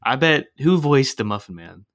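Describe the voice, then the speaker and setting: Brief: man, mid-pitched, playful debater, dry close recording. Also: big pitch swings, moderate pace, fairly bright tone, no room sound. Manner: playful, argumentative, jumps in with theories. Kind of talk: casual chat about a movie.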